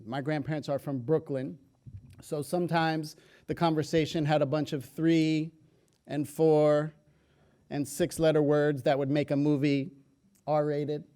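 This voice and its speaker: A man giving a public talk to an audience, telling stories with jokes in an energetic way. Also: on the high side, a little slow. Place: lecture hall.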